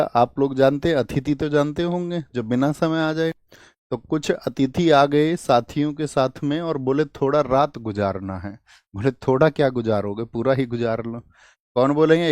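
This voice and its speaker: A man's voice: mid-range voice, darkish tone, dry recording. A young man teaching an online exam-prep class, asking his students questions and answering them himself, repeating key words to make them stick. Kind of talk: online lecture with memory tricks.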